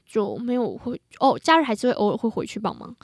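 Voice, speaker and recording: A young adult woman with a Taiwanese Mandarin accent, chatting casually and telling things in an animated, colloquial way. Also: on the high side, fast, dry recording, clean studio sound. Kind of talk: casual chat.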